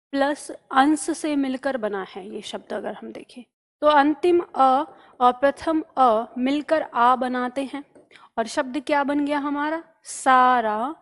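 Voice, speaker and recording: A woman teaching a spelling lesson, patiently drawing words out slowly and checking in often with her students. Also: high voice, in a large hall. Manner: instructive, stretches words out slowly when spelling them. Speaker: Hindi teacher.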